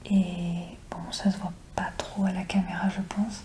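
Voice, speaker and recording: A woman doing informal, soft-spoken ASMR show and tell in a breathy whisper, close and intimate as if right in the ear. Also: fairly low pitch, flat delivery, unhurried, noisy background. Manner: informal, chatty. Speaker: ASMR video creator.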